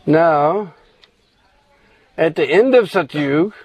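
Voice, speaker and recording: A man's voice: a little high, expressive, drawn-out words, husky, no echo, poor audio. A man telling a scripture story in an informal sermon, meandering with restarts and frequent "you know".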